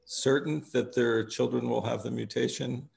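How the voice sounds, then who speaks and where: A man's voice: medium pitch, steady tone, normal speed, gravelly, a little mellow. A man politely asking careful questions during a patient video call.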